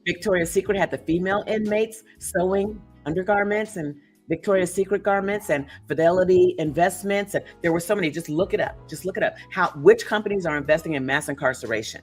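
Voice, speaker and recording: Over soft background music, a woman with a low-leaning, darkish voice talks fairly quickly with few pauses. As a podcast host and author on her talk show, she tells stories emphatically in a casual discussion, often going off on asides.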